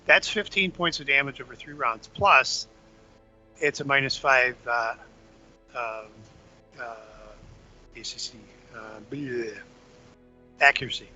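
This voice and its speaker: A man's voice: medium pitch, takes it slowly, pauses often, pushed and bright. A man casually walking his younger brother through game strategy, explaining step by step while chewing candy. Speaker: older brother giving game tips. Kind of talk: casual gaming walkthrough chat. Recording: dull lo-fi sound with faint music.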